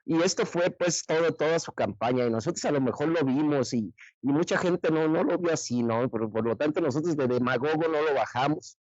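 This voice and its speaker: A man's voice: fairly high pitch, brisk, hardly any pauses, a little mellow, dry recording, highs cut off. A man giving blunt, slangy political commentary on a radio panel. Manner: blunt and colloquial, full of slang and restarts.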